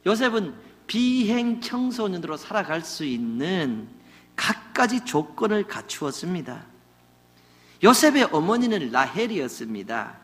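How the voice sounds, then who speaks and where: A pastor preaching a sermon, telling stories with loud emphasis that drops to quiet asides, in a church sanctuary. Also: male voice, high voice. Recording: long hall reverb.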